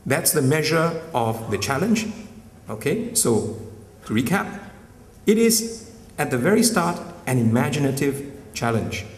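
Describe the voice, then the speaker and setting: Lively man speaking in an echoey hall. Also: medium pitch, a little slow, slight background noise. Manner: emphatic, often tags lines with "right?". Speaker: summit speaker. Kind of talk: conference keynote speech. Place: large conference hall. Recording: echoey hall, mic at a distance.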